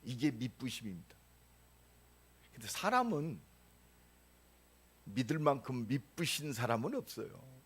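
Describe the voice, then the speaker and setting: A pastor in his sixties preaching a sermon, emphatic with sudden loud rises and casual storytelling asides. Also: medium pitch, big pitch swings, a little slow, long pauses, breathy edge. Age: 60s.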